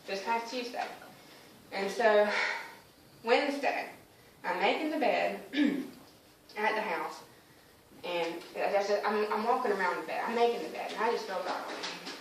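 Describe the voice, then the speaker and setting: A woman giving a personal spoken testimony in church, telling her story and acting out her conversations with God. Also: medium pitch. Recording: echoey room from a distant mic, faint noise.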